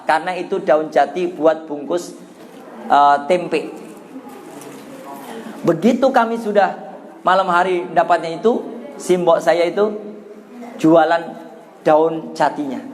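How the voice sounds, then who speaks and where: A middle-aged man with a Javanese accent giving an Islamic sermon, telling a childhood story and acting out the voices in it. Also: fairly high pitch. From Java, Indonesia. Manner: animated storyteller who acts out childhood voices. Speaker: Islamic preacher.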